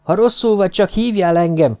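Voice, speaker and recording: A man's voice: high-pitched, darkish tone, clear, resonant tone, voice pushed up, lightly acted. A man reading an audiobook, voicing a self-assured, bossy eldest daughter. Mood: confident.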